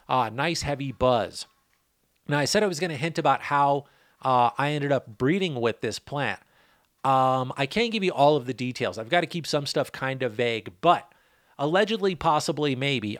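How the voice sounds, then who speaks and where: A man's voice: mid-range voice, dry recording, studio quality. A middle-aged man hosting a podcast in a casual, rambling chat, full of loose asides and jokes. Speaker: podcast host, cannabis grower.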